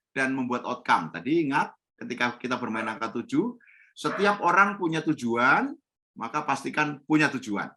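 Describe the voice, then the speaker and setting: Pria pelatih bersuara terang dan tegas. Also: male voice, mid-range voice, pushed and bright. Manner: instructive, repeats key points with a tag "ya". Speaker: storytelling trainer. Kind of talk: online training webinar. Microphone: video call.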